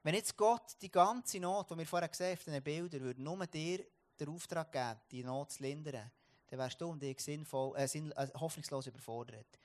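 A Swiss German man preaches in a fairly high voice. He tells a story from daily life with many restarts and repeated words, then turns it into a sermon for his congregation. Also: brisk.

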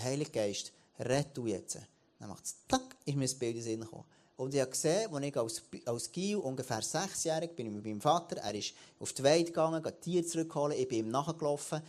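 Man, late 30s, church leader giving a sermon, animated delivery with frequent restarts. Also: a little high.

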